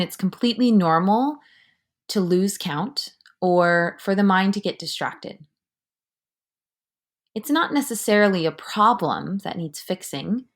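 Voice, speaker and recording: A woman with a mid-range voice leads a guided breathing meditation. She instructs in a calm, measured way, and her words often trail away into a breathy near-whisper.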